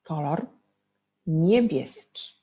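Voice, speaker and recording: A woman's voice: deep voice, expressive, very slow, dark tone. A woman teacher giving a reading and spelling lesson to young children, patient and drawing out each syllable. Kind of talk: early-school reading lesson.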